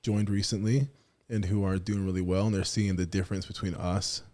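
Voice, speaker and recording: A man's voice: low voice, level tone, brisk, a little mellow. A man hosting a podcast in a studio, upbeat and loose in casual interview chat, swearing now and then. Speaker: podcast host, real estate team lead.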